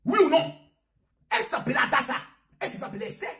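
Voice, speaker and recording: High, animated preacher. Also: male voice, quick pace, creaky, soft background music. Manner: theatrical, shouting refrains, animated. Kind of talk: comic sermon. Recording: roomy, distant mic.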